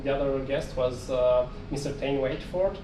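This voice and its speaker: A young man with a Romanian accent speaking hesitantly as an event host giving an interview recap. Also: medium pitch. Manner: hesitant, halting delivery. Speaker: youth delegate and side event host. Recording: echoey, distant mic, clearly noisy room.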